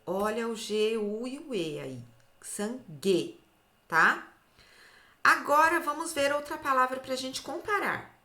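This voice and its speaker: A Brazilian Portuguese woman teaching phonics to young children, stretching out syllables slowly and checking in after each point. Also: sits high, expressive, bright, forceful tone, roomy sound. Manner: slow, drawn-out syllables, often ends with "tá?". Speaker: literacy teacher. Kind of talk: slow, clear phonics lesson for children.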